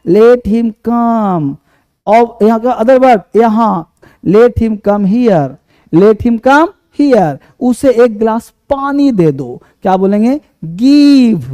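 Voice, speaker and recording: A man teaches English at a slow, deliberate pace. He drills each example sentence over and over and keeps checking that his students follow. The sound is close and dry, with no room around it. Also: very high-pitched, a little mellow, dry recording. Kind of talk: spoken English lesson in Hindi.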